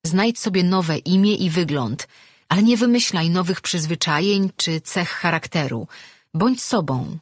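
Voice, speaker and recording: Woman putting on a sorceress, wry, teasing, husky, raised pitch, dry close sound. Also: lively intonation, a little slow, dry recording. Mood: teasing advice. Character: wry, self-assured woman, an ancient sorceress.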